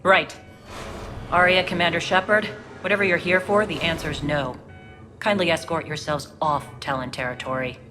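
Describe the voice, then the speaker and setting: A woman's voice: deep voice, steady tone, moderate pace, over music, lightly acted. A woman playing a guarded, resolute alien gang leader in a video game, speaking in a clipped, commanding way. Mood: firm, curt. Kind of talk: dramatic video game dialogue.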